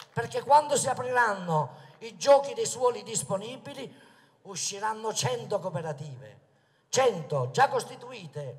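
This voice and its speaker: A political candidate giving a booming, emphatic campaign speech full of rhetorical questions from an outdoor stage. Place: outdoor stage in a town square. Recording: echoey public square with long reverb.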